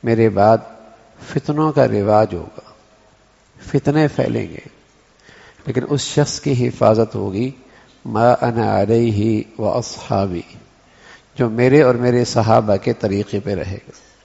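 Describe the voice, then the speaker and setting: Gravelly male preacher in an echoing hall. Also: on the low side, long pauses, warm tone. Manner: explains by acting out one sentence in different tones. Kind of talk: Islamic sermon. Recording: dull recording in a long-reverb hall.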